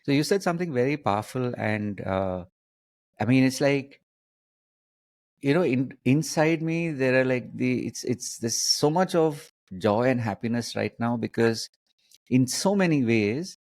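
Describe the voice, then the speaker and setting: A man hosting a conversational interview, phrasing things in halting, repeated, emphatic bursts. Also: medium pitch, expressive, darkish tone. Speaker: host, coaching mentor.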